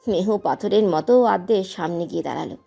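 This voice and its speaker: A woman's voice: on the low side, fast, creaky, husky, soft background music. A woman narrating a dramatic audio love story with emotive delivery. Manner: emotive, expressive.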